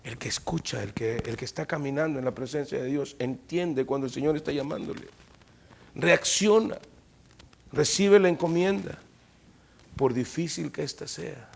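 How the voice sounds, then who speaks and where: High-voiced animated preacher man. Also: normal speed, vocal fry, slightly rough. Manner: animated preaching, acting out dialogue with rising loud peaks. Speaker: pastor. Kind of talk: sermon. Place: church.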